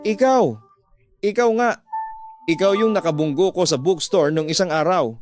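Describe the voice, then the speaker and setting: A man voicing a frightened young woman who shouts accusations in shrill panic. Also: fairly quick, soft background music, lightly acted. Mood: accusing.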